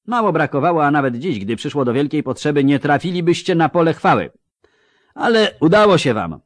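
A man's voice: on the high side, dry recording, pitched above the performer's own voice. A man voicing a crude, sarcastic army commander who mocks and bellows orders at his foot soldiers in an audiobook. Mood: mocking. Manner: mocking, coarse, barking orders. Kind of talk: audiobook character voice.

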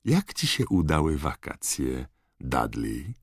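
A man's voice: very deep voice, wildly swooping pitch, slow pace, husky, no room sound, studio quality, full character voice. A man voicing a polite, kindly middle-aged wizard father, speaking courteously. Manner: courteous, gently persuasive.

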